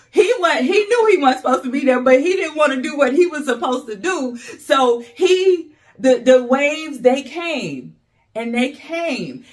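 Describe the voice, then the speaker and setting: A woman motivational speaker giving an earnest, emotional inspirational talk, with preacher-like repetition and slow emphatic exhortations. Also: high voice.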